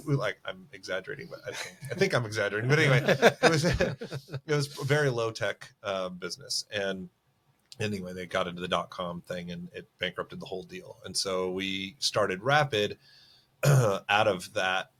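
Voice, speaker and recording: A man's voice: lowish voice, a bit bright, a little hiss or hum. A middle-aged man co-hosting a casual business podcast, chatty and self-mocking, laughing often as he tells stories. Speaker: podcast co-host.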